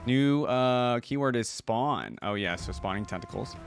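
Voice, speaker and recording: Over background music and game trailer sound, another man hosts a casual live reaction commentary, musing informally out loud. He speaks in a mid-range voice with vocal fry, animated though a little slow.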